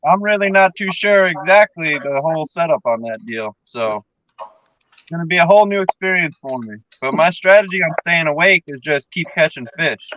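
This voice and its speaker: Man, video call, casual rambling talk, slightly high voice, muffled audio. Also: normal speed, bright, forceful tone, a little hiss or hum. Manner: casual, rambling, self-correcting. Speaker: kayak tournament angler.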